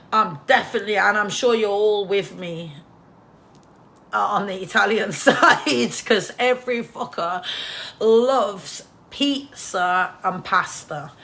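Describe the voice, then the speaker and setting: A woman's voice: fairly low pitch, fairly bright tone, slight background noise. A woman chatting casually on a livestream at home in a flamboyant, profane way, often calling people darling. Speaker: artist and vlogger.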